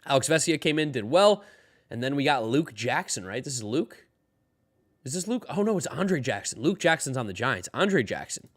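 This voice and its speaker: A man hosts a daily live baseball stream in a medium-pitched, very animated voice at normal speed. He sounds tired while talking loosely and rambling, reading chat questions aloud and answering them.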